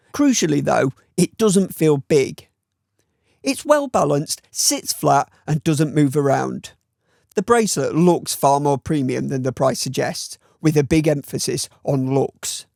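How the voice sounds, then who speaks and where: Northern english guy reviewing a watch, gravelly voice, dry close sound, wry and opinionated. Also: a little high, a little mellow, no echo. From Northern England. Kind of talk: scripted review voice-over.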